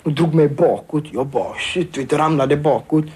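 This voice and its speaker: A teenage boy giving a halting personal account, full of fillers and restarts. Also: on the high side, warm tone, husky. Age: teens. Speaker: survivor interviewee.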